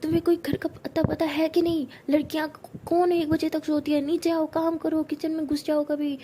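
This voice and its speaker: Woman doing a loud, nagging mother. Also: sits high, steady tone, racing, a little hiss or hum. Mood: scolding. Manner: scolding, nagging.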